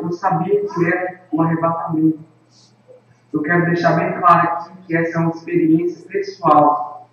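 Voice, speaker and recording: A man tells an earnest testimony to a camera, slow and solemn, leaning on each phrase. His somewhat high voice sits far from the mic in a very echoey space. The recording sounds dull and lo-fi, with faint room ambience behind. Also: slight background noise. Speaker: evangelist and worship leader. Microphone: camera microphone.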